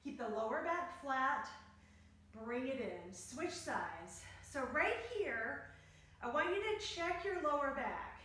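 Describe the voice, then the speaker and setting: Woman workout instructor, slow step by step cues n rep counts, super echoey, kinda far from the mic. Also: high-pitched, big pitch swings, a bit bright. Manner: instructional, step-by-step cueing in short phrases. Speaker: fitness instructor leading a home workout. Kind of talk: exercise class coaching with counted reps. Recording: very echoey room, distant microphone.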